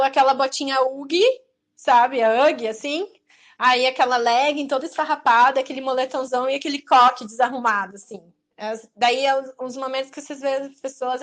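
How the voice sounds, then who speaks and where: A young woman with a Brazilian accent chats casually as a podcast host, her voice sitting noticeably high. She talks in a lively, anecdotal way and briefly acts out the people she is describing. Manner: chatty and lively, acting out quoted people in passing. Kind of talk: casual chat.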